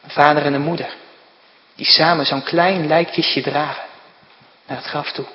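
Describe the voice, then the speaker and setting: A man's voice: fairly high pitch, fairly even intonation, moderate pace, dull audio. A man preaching a sermon to his congregation, earnest and urging, with repeated direct calls to his listeners. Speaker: pastor. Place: church. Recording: church hall reverb.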